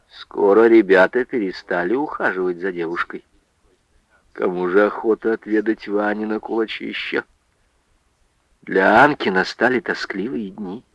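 A man narrating a literary story for radio in a measured, expressive way. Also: fairly low pitch, gravelly, dry recording, lo-fi sound.

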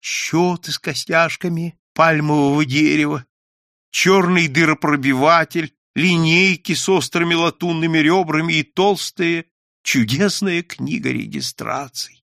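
Man, story narrator, gravelly, bright tone, dry close sound. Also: measured pace, dry recording. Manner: lively, raises pitch and volume for characters' quoted lines. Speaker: audiobook narrator. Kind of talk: scripted narration with character voices.

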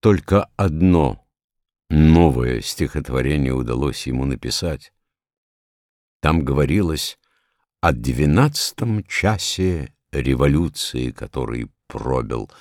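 A man reading satirical prose aloud as narrator, in a measured, ironic storytelling manner. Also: a bass voice, lively intonation, darkish tone, no room sound, clean studio sound.

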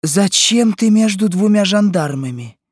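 A man doing a shrill, indignant old woman. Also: big pitch swings, takes it slowly, a little mellow, no room sound, clean studio sound, exaggerated voice. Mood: shocked. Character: agitated older woman, a false witness.

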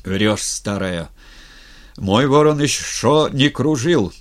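A man voicing a gruff Cossack chieftain. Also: medium pitch, expressive, slow pace. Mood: commanding. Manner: barked orders, curt.

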